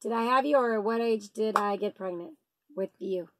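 A woman in her fifties, a mother chatting casually in a family vlog, brisk and bossy with her kids. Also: mid-range voice, background noise. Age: 50s.

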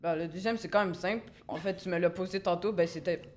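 A man's voice: sits high, fast talker. A man hosting a podcast who asks his guest interview questions in a hesitant way, with fillers. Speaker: podcast host.

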